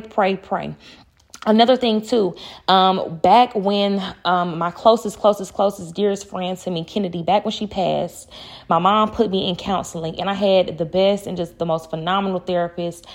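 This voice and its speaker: A woman's voice: medium pitch, creaky. A woman talking casually and earnestly to her viewers about faith, often repeating key phrases for emphasis. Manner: speaks directly to viewers as "y'all". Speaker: faith vlogger. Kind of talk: casual faith-based encouragement talk.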